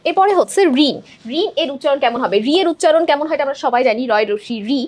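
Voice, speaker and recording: High, quick-talking woman teacher. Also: lively intonation. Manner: explains step by step, often checks in with "ঠিক আছে?" and "দেখো". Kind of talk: exam-prep lesson walking through multiple-choice answers.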